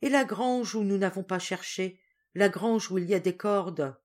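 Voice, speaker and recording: A woman's voice: mid-range voice, normal speed, darkish tone, natural voice. A woman reading the lines of a timid, frightened younger spinster sister in a storybook, who speaks in a small, piercing voice and sounds hesitant and anxious.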